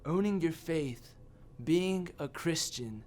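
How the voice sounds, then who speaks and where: A man giving a sermon as a youth pastor, telling a personal story with animated, self-mocking humor. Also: fairly high pitch, slow pace, slight background noise.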